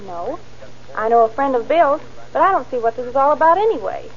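A defensive young gangster's girl in a vintage radio crime drama. She speaks fast in a high voice on a dull recording. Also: sing-song, exaggerated voice. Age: young adult. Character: defensive young gangster's girlfriend denying everything. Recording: muffled old radio recording.

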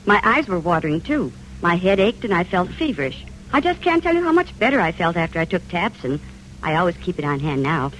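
A woman plays a satisfied customer giving a chipper 1950s radio ad testimonial. The pitch moves in lively swings, over a faint hum. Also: brisk, rough recording. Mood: pleased, relieved. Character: relieved, satisfied customer in a cold-remedy commercial.

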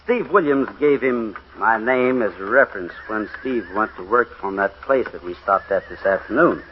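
A man's voice: lowish voice, lively intonation, normal speed, a little hiss or hum. A man narrating and hosting a 1950s radio western in an easygoing, folksy way, on a dull lo-fi old radio recording. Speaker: radio show host and singing cowboy narrator.

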